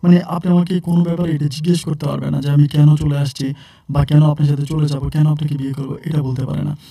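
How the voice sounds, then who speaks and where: A secretive young woman who insists bluntly and repeats her demands, a man reading her lines. The voice stays dark and husky, a little lower and softer than his own telling. It sounds like a spoken real-life story. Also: flat delivery, fast.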